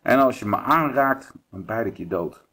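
A man voicing a fierce male were-wolf that howls loudly and sneers. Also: medium pitch, lively intonation, normal speed. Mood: scornful. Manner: loud howls, scornful.

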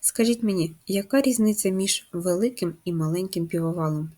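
A woman teaching young children to write, patient and methodical, walking them through each step and pausing to ask questions. Her voice sits fairly low and has a soft, husky edge. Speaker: primary school teacher. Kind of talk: first-grade writing lesson.

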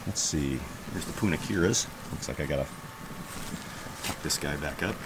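A man in his thirties casually walking through his backyard garden, talking in a relaxed, rambling way with lots of fillers, filmed on a handheld camera outdoors. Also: a bass voice, normal speed. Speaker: homesteading vlogger. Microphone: camera held at arm's length. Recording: outdoor background noise.

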